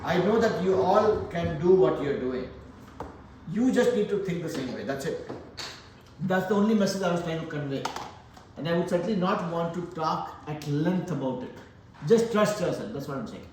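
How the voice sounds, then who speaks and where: A male math teacher in a classroom, cracking jokes and urging his students to trust themselves. His voice sits fairly high for a man. It echoes heavily, picked up from a distance. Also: animated, moderate pace, a little mellow, slight background noise. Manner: joking, motivational, addresses class directly. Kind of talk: classroom lesson.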